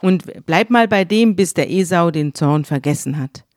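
A woman co-hosting a podcast, bluntly and lively retelling a scripture story in conversation. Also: lowish voice, normal speed, no room sound, clean studio sound. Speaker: podcast co-host.

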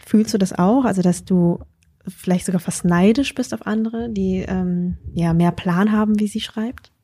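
A woman's voice: medium pitch, moderate pace, warm tone, slightly rough, no room sound, clean studio sound. A woman hosting a podcast, chatting casually and reading out a listener's message. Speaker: podcast host.

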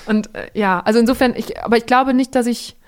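Female guest, 20s, higher voice, rambling and filler-heavy casual talk. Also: steady tone, fairly quick. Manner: long winding sentences with many fillers. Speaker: podcast guest, journalist. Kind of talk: casual conversation.

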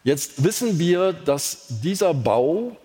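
A man from Lower Saxony co-hosting a live podcast on stage, dry and playful as he runs the show. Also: sing-song, slow pace, warm tone. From Lower Saxony, Germany. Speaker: podcast co-host. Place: large concert hall before an audience. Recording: hall reverb with faint noise.

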